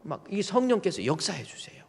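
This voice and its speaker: A man's voice: high voice, big pitch swings, brisk, vocal fry, a little mellow, slightly rough. A man preaching a sermon as pastor, building to emphatic repeated lists and acting out inner voices. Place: church sanctuary. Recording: long reverb of a church hall.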